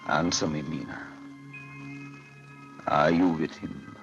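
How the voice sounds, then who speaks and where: An actor playing a grave, commanding doctor who hunts a vampire, solemn and declamatory in a 1930s radio drama. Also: male voice, rumbling low, fairly even intonation, takes it slowly, soft background music, exaggerated voice. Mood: hushed, brooding. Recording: muffled, hissy 1930s radio recording.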